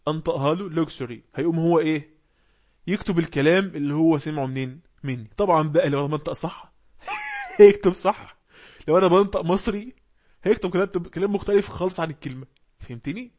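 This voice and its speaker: A man with an Egyptian accent teaching an English class online, explaining words and quizzing the class with quick questions. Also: a little high, darkish tone. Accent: Egyptian Arabic. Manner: reads English passages slowly.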